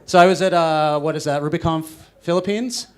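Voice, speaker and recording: A young man from the Northwest of the United States gives a loose, casual talk on a conference stage, his voice sitting a little higher than most men's. He rambles and doubles back, filling gaps with ums and likes. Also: a little fast, clean tone. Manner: rambling, filler-heavy, self-interrupting. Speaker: conference speaker.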